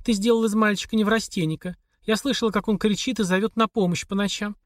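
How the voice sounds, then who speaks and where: A man reading an audiobook, voicing a worn-down, desperate wife in a hoarse, whispery voice. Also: high-pitched, fairly even intonation, fast, no echo, studio quality, pitched above the performer's own voice, natural voice. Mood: accusing. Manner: pleading then hissing with hatred.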